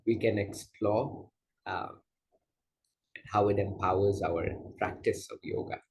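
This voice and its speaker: Soft-spoken man from Malaysia, unhurried. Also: on the low side, fairly even intonation, poor audio. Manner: gentle, unhurried, many soft fillers. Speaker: yoga teacher guest. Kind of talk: casual interview conversation.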